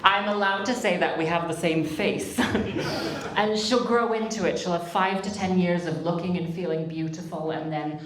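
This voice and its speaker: Woman doing stand-up in a club. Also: fairly low pitch. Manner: deadpan, self-mocking, quick asides to the crowd. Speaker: stand-up comedian. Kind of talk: stand-up comedy set. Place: comedy club stage. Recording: echoey club, distant mic, audience laughter. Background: audience laughter.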